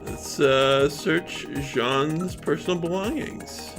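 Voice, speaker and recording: A man's voice: fairly high pitch, slow pace, music in the background. A man streaming a game, reading dialogue aloud with chatty asides.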